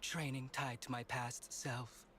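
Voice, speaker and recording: A man's voice: mid-range voice, level tone, measured pace, sharp tone, a little hiss or hum. A man playing a sly, easygoing young male agent in a video game, teasing, nonchalant and playfully polite. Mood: teasing, breezy.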